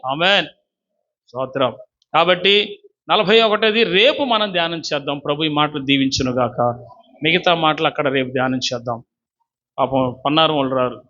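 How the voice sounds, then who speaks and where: Male pastor, fervent call-and-response preacher; high, sharp delivery on a muffled lo-fi church recording. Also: moderate pace, long pauses. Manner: fervent, urges congregation to repeat after him. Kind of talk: sermon. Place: church service. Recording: dull lo-fi recording.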